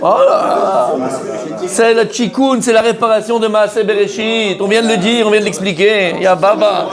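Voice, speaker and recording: High-voiced man teaching a lively class. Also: normal speed, a crowd in the background. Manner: animated, questions the audience and answers himself; acts out the story's characters, mixes Hebrew terms into French. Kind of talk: lively Torah lesson to a room of men.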